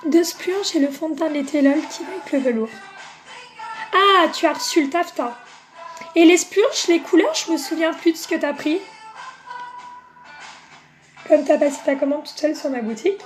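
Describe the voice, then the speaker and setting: A woman with a high-sitting voice hosts a makeup live stream, chatting casually with viewers, greeting them by name, and using plenty of fillers.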